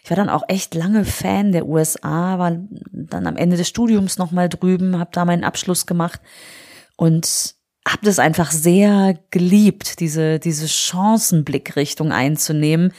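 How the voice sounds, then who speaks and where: This woman's voice is fairly low, unhurried and a little mellow. She's a podcast host in her forties with a cold, recording a motivational solo show indoors on holiday and urging the listener on with earnest encouragement.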